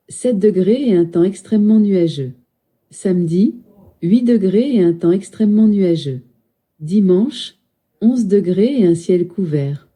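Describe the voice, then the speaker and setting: Dark, husky synthetic assistant woman. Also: medium pitch. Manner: polite, evenly paced, announcer-like.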